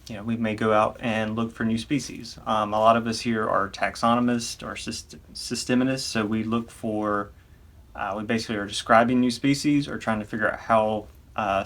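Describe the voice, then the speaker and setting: A man's voice: lowish voice, level tone, moderate pace, fairly bright tone. A middle-aged man, a museum director and professor, explaining his work informally in an interview.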